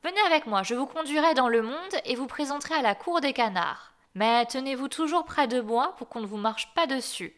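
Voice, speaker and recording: A woman's voice: high-pitched, expressive, fairly quick, few pauses, a bit bright, voice pushed up. A woman voicing a fussy, devoted mother duck in a storybook reading, chattering and protective. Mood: proud.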